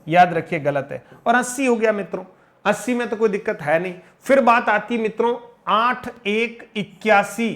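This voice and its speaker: A man's voice: high-pitched, a bit bright. A man teaching Hindi number words, repeating each one and correcting common mispronunciations. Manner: repeats and corrects each word, addressing viewers as friends; slow, emphatic drilling of pronunciation. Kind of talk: spoken grammar lesson.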